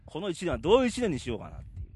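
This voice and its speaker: Quick-talking radio host man. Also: fairly high pitch, wildly swooping pitch, a little mellow, slightly rough. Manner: chatty, encouraging, steers the talk. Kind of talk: casual radio chat.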